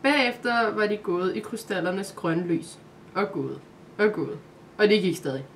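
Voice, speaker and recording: A woman narrating a Christmas calendar story aloud, in a calm, steady way. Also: mid-range voice, slight background noise.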